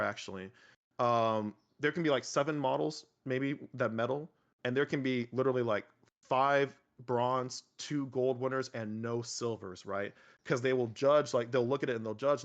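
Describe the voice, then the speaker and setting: A young man talks as a podcast guest in a mid-pitched voice, rambling with lots of fillers, restarts and sudden bursts of energy. The audio sounds a little dull and lo-fi. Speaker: podcast guest, miniature painter. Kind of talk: casual conversational interview.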